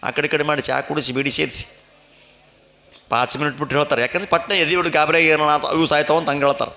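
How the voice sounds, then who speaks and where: A man's voice: a little high, fairly even intonation, fast, pushed and bright. A man giving a devotional storytelling sermon, acting out characters' cries and then explaining them to his listeners. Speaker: religious storyteller. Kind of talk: dramatic devotional purana sermon.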